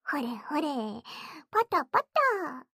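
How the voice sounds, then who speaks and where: A mocking, coy young stepsister, played by a woman, in a whispered role-play. Her voice sits high, and she drawls her taunts slowly and playfully. The sound is close and dry, with no room around it. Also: very animated, gravelly, pushed and bright, dry recording, exaggerated voice. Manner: taunting, giggly, coaxing.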